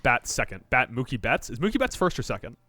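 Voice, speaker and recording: A male podcast co-host in joking, casual sports chat. His voice is bright and forward, with pitch that jumps around as he talks. The sound is dry and close to the mic. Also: fast talker, no echo. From Japan. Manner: animated, joking, trails off in restarts.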